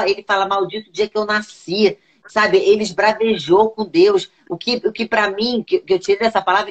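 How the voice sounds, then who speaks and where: Earnest woman, mid-pitched chat. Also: low-quality recording. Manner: earnest, slangy, acts out her own inner voice. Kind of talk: casual chat.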